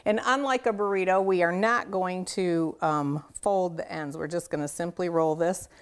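Speaking at a moderate pace with a fairly low, steady pitch, a middle-aged woman runs a casual cooking demo indoors in her home kitchen. Her tone is clear and resonant as she chats with viewers directly, folksy and full of enthusiasm.

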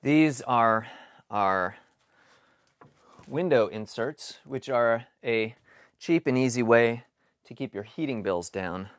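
A man in his forties explains a basement project in a relaxed vlog, thinking aloud with frequent ums and restarts, recorded in a cluttered basement. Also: medium pitch, takes it slowly, pauses often, dry recording, studio quality. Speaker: home improvement vlogger. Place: cluttered basement storage area.

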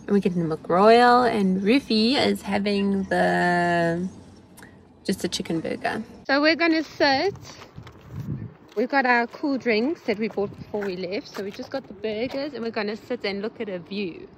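A South African woman in her forties films a casual road-trip vlog on a phone held at arm's length, sitting in a car at a petrol station and chatting playfully to the camera. Her voice is mid-range and her pace normal, with slight background noise.

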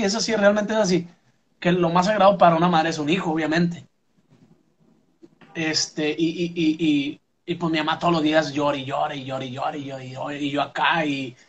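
A young Mexican man, a musician, telling his story in a casual interview, full of fillers and "pum" sound effects. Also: on the high side.

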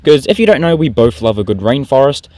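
A man's voice: medium pitch, very animated, fairly quick, mellow, dry recording. Chatty young man vlogging. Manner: chatty, rambling, easygoing. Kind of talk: casual vlog narration and walk commentary.

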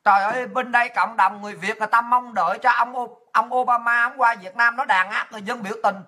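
A woman's voice: fairly high pitch, fairly even intonation, quick pace, sharp tone. A woman with a Southern Vietnamese accent giving an angry, profane political rant. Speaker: political commentator.

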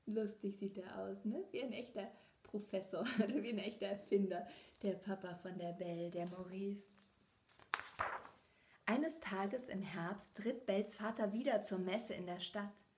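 A woman reads a storybook aloud to young children at an unhurried, slow pace. She often drops into a whisper for suspense and turns aside to talk with her listeners, at a middle pitch. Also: fairly even intonation, a little mellow. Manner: talks directly to children between passages. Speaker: children's book reader.

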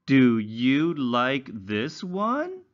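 A man with a mid-range voice teaches young children in a read-along English lesson. He speaks very slowly with huge pitch swings, enunciating carefully in an exaggerated, instructional way. The audio is dull.

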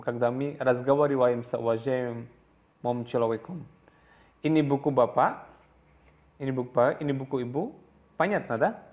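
This man has a mid-range voice and an Indonesian accent, and the sound is lo-fi. Teaching a language lesson over slides in his second language, he is hesitant, full of fillers and restarts, and repeats each phrase.

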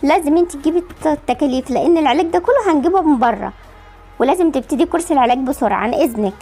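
Calm Egyptian lady doctor, done by a woman, lower and softer than the rest of the cast, still fairly high, quick. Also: soft background music. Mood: businesslike. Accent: Egyptian Arabic. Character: female doctor, adult, calm, businesslike.

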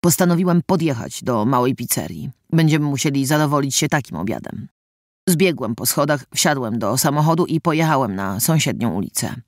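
A man narrating a first-person audiobook in an expressive, dramatic reading style, recorded on a close studio mic. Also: mid-range voice, fairly quick, dry recording.

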